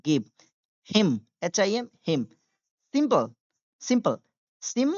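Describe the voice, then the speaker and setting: Man for a slow, patient beginner reading lesson, spelling and repeating each word. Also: high voice, huge pitch swings, darkish tone, dry recording, lo-fi sound. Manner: spells words letter by letter, then translates; patient, repetitive drilling. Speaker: English reading teacher.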